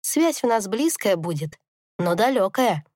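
A wise old she-wolf grandmother from a fantasy audiobook, knowing and gently teasing, as a woman reader lifts her voice for her. The sound is dry and close. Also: medium pitch, very animated, a little slow, dry recording. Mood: wry.

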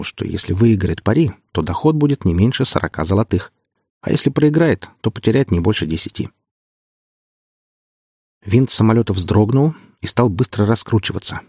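A man narrating an audiobook in a steady storytelling manner. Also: lowish voice, fairly quick, slightly rough, no room sound, clean studio sound. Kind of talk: scripted narration.

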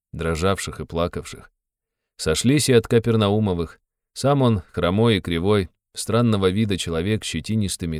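Guy reading an audiobook, smooth resonant voice, steady. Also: deep voice, dry recording, clean studio sound. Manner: steady literary narration. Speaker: narrator.

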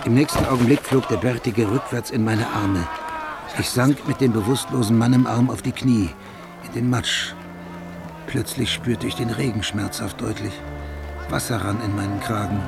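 An actor playing an observant first-person narrator in a German audio drama, reading a scripted account. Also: male voice, medium pitch, vocal fry, natural voice.

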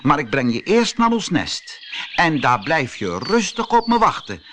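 A man's voice: on the high side, big pitch swings, unhurried, fairly bright tone, a little hiss or hum, pitched above the performer's own voice. A man doing a stern, caring mother otter. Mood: firm. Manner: firm, scolding.

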